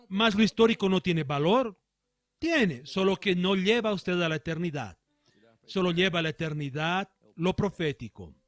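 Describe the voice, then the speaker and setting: Pastor, male, high voice, dry close sound, faint music behind. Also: dry recording. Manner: emphatic preaching with slow stressed phrases. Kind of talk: sermon. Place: church.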